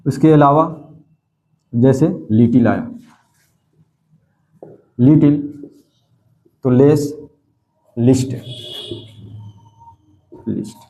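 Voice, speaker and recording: Man, grammar teacher, coaching class lesson, repeats words, asks and answers his own questions, middle pitch. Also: extremely slow, pauses often, dark tone. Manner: repeats key words and quizzes himself with questions.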